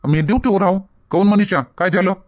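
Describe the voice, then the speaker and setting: Gruff Varhadi village man, fairly high. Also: brisk, darkish tone. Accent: Varhadi Marathi. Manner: gruff, blunt, scolding. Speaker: husband and father in a comedy sketch. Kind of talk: scripted comedy skit dialogue.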